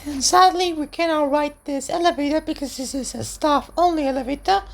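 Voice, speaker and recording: A woman with a high, creaky voice speaks fairly quickly, giving simple, casual running commentary on a tour of a shopping centre's lifts and walkways. It was recorded on location with a noisy handheld setup.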